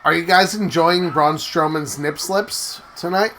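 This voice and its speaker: A co-host on a casual live stream who teases a partner and reads chat messages aloud, with an arena crowd loud behind. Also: mid-range voice, measured pace. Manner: teasing, reading chat aloud. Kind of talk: casual watch-along chat. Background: crowd noise from the broadcast.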